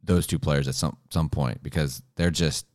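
A man's voice: a bass voice, fairly even intonation, normal speed, darkish tone, no echo, studio quality. A man co-hosting a sports podcast, chatting casually and teasing his co-host in an easygoing way.

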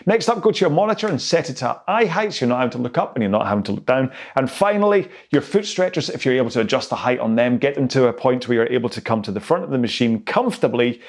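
A man's voice: medium pitch, lively intonation, fast talker, few pauses. A man coaching an indoor rowing workout, talking through pace targets and technique in a chatty, rambling way. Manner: chatty, rambling, self-aware explanations. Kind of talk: workout instruction.

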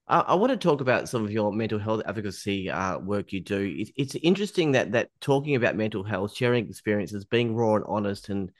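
A man interviewing a guest on a podcast, reflective and measured, with small restarts. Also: lowish voice, expressive, dry recording, clean studio sound.

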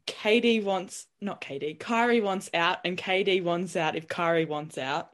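A woman's voice: lowish voice, unhurried. Exasperated woman co-host. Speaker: podcast co-host. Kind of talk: casual sports podcast chat.

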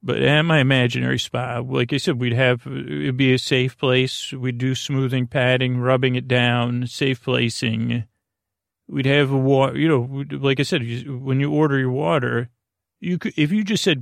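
A male podcast host with a gravelly, creaky voice of middling pitch rambles through a bedtime monologue, halting and drifting into tangents. The sound is close and dry.

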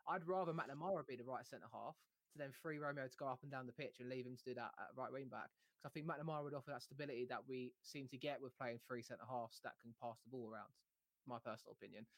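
A man's voice: medium pitch, a bit bright, no room sound. A man hosting a casual football chat, giving opinions and reasoning them out aloud. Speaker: football podcast host.

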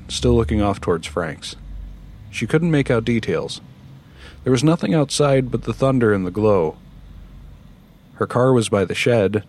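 A man reading a horror story aloud with steady, measured narration. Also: on the low side.

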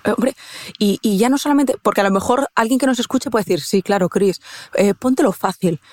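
Guest expert, Spanish woman from La Mancha, mid-pitched, hesitant explainer, dry close mic. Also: a little fast, a little mellow, no room sound. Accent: Spanish from Castilla-La Mancha. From Castilla-La Mancha, Spain. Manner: explanatory, frequent "eh" fillers and restarts, addresses host directly. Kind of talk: conversational interview.

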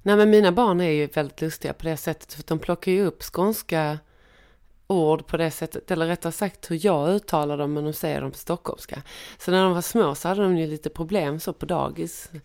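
A middle-aged woman from Skåne with a Scanian Swedish accent, chatting as a podcast guest and telling anecdotes in a lively way. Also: low-pitched. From Skåne, Sweden. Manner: lively storyteller, mimics voices in anecdotes. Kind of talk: casual chat.

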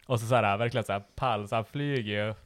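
A young man telling a funny story in casual chat, laughing often and mimicking people in squealing high voices. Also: dry recording.

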